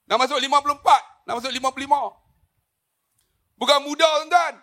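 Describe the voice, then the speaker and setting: A man's voice: very high-pitched, steady tone, fast talker, sharp tone. A man, giving a jokey religious forum talk full of stories and asides to the audience. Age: 50s. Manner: jokey storytelling, addresses the audience often. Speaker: religious speaker on a forum panel.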